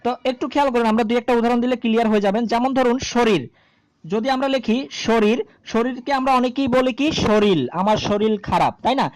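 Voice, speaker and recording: A woman's voice: a little high, steady tone, fast, a little mellow, no echo. Woman teacher explaining grammar, dry close sound. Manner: explains step by step with frequent rhetorical questions. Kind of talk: board-based grammar lesson.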